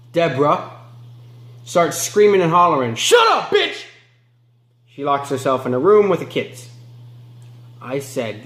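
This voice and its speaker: A man playing a remorseless male killer in an amateur film monologue, moving between low mutters and sharp outbursts. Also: echoey room. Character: remorseless male killer recounting his crimes.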